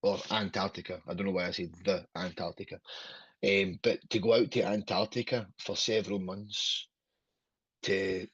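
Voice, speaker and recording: Here a Glaswegian man in his thirties, a pro wrestler on a podcast, talks at normal speed in a low, flat, breathy voice. He drifts from point to point, swears a lot and keeps asking the listener "do you know what I mean". The recording is dull, lo-fi and dry.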